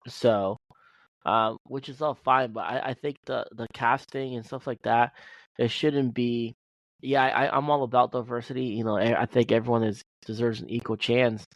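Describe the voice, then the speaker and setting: A man's voice: medium pitch, steady tone, normal speed, no room sound, low-quality recording. A man co-hosting a casual podcast, rambling with many restarts and fillers. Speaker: podcast co-host. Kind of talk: casual chat.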